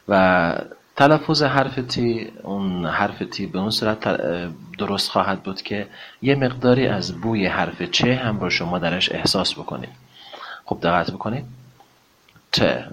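Low-voiced man teaching English pronunciation. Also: fairly bright tone, breathy edge. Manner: slow, drawn-out model words for learners to repeat; polite, formal phrasing with frequent hesitations. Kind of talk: spoken pronunciation lesson.

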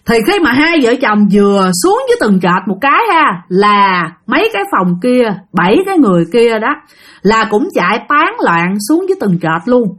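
A woman's voice: a little high, very animated, moderate pace, fairly bright tone. A woman telling a ghost story, addressing her listeners directly and imitating knocking sounds as she goes.

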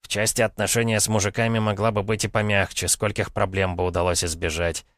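A man's voice: fairly low pitch, level tone, fast, fairly bright tone, dry recording, clean studio sound, close to an everyday voice. A man voicing a fretful male grapevine spirit who complains and frets, in an audiobook. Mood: complaining. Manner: complaining, exasperated.

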